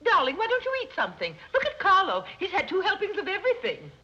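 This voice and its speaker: A woman's voice: extremely high pitch, wildly swooping pitch, fast, bright, forceful tone, full character voice. A middle-aged actress playing a flighty, chattering society mother in 1930s screwball comedy banter. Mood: fussing, cheerful. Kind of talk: 1930s film comedy acting. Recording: dull, noisy 1930s film soundtrack.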